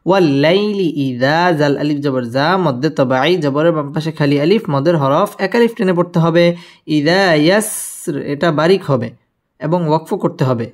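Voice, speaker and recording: A man teaching Quran recitation letter by letter, spelling out each sound, chanting the verse slowly, and explaining the recitation rules in plain speech. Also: a little high. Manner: gives tajweed rules in quicker plain speech between recitations.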